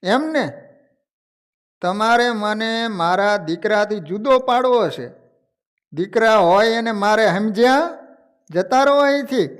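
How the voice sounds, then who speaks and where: A man's voice: high voice, slow, long pauses, clean tone, pitched above the performer's own voice. A man voicing a stubborn old man who angrily refuses to leave his family. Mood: angry. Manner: shouting, indignant.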